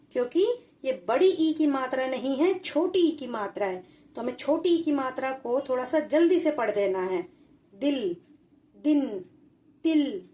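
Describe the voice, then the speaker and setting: A woman's voice: high voice, darkish tone. A woman teaching children a spelling lesson, patiently spelling out syllables one at a time.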